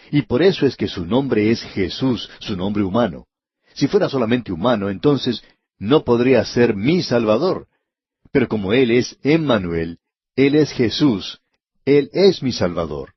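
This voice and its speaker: Man doing radio bible teaching, talks right to the listener, slow careful scripture reading, kinda husky. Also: medium pitch, dry recording, highs cut off. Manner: addresses the listener directly, reads scripture slowly and deliberately.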